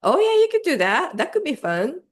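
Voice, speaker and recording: Woman coach, soft guiding delivery, bright high voice, video call. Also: very animated, fairly quick. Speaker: life coach hosting a master class. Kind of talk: guided coaching talk.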